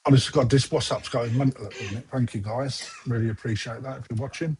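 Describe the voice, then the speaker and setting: A man's voice: medium pitch, fairly even intonation, fast talker, darkish tone, slightly rough. A man hosting a casual online fish auction, chatty and a bit distracted as he juggles several windows. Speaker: online koi auction host. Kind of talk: casual livestream auction chat.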